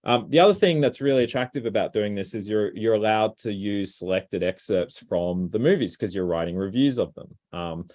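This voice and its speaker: Relaxed man giving a talk. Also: lowish voice, normal speed, few pauses. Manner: relaxed, conversational, frequent ums and restarts. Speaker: robotics researcher giving a talk. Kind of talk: presentation talk.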